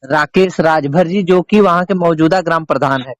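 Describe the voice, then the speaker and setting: A man working as a reporter questions someone on a recorded phone call, pushing hard and repeating himself insistently and emphatically. He talks at a moderate pace in a voice that's a little high.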